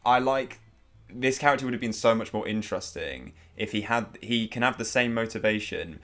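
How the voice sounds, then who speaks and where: A young man chatting casually through a film commentary, rambling with halting restarts and quick laughs. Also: fairly low pitch, a bit bright.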